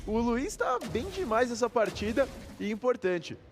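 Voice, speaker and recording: A Brazilian man with a high voice co-casts a live esports match. He speaks casually to the viewers, with faint noisy ambience behind him. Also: big pitch swings, normal speed. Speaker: esports co-caster.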